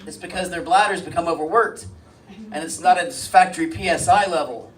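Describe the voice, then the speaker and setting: A man doing a stand-up comedy set with deadpan one-liners and crude jokes, on a comedy club stage. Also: fairly high pitch, brisk. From Springfield, US. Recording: live club mic heard from a distance, light noise.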